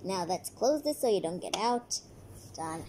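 A woman voicing a dutiful palace guard in a toy doll play, speaking in a gruff, matter-of-fact way. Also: mid-range voice, animated, unhurried, background noise, pitched below the performer's own voice, close to an everyday voice.

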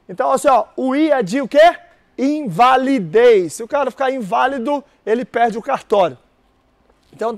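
Guy teaching live, really high voice, drills the class with questions. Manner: energetic, repeats key words, quizzes audience. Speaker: exam prep teacher. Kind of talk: live-streamed lecture with call-and-response.

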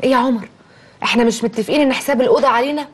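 An actress playing a young Egyptian wife who talks in a chatty, coaxing way. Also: female voice, a little high, racing, a little hiss or hum, lightly acted. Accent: Egyptian Arabic.

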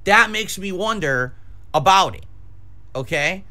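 A man's voice: high voice, expressive, slow, sharp tone. A man in his forties ranting combatively to his livestream viewers, emphatic and profane, hammering points through repetition. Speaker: variety game streamer. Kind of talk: livestream rant to chat viewers. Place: small decorated home streaming room, indoors. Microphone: close desk microphone with pop filter.

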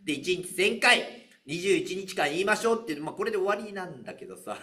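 A man's voice: sits high, animated, fast, bright, forceful tone. A man giving a live lecture to an audience, in a playful, joking way and laughing often.

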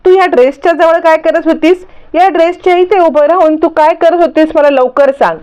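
A hot-tempered young sister-in-law who demands answers, voiced by a woman narrator. Her questions come out high and clear with an accusing edge. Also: lively intonation, moderate pace, darkish tone, lo-fi sound.

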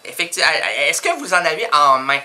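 A man's voice: fairly high pitch, expressive, brisk, bright, forceful tone. A middle-aged man with a Québécois accent, hosting a radio show and joking through a one-sided phone call, playful and self-mocking with many fillers and puns. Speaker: radio host. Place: radio studio.

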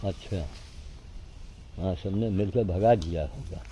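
A man's voice: sits low, slow pace, mellow, a little hiss or hum. An older man talking outdoors, coaxing animals he is feeding and giving chores to a helper in between. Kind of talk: casual outdoor narration.

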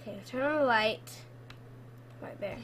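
Young female gamer, high and bright, panicky horror-game commentary with frequent yelps. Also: unhurried, slight background noise. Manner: panicky, repeating herself, yelping.

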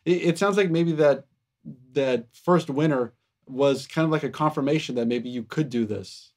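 A man interviewing a guest, asking questions in a halting way as he searches for words. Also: a little high.

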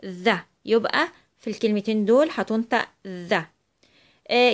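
A woman with an Egyptian Arabic accent teaching an English phonics lesson to children, slowly drawing out each example word. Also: a little high. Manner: slow, drawn-out word demonstrations.

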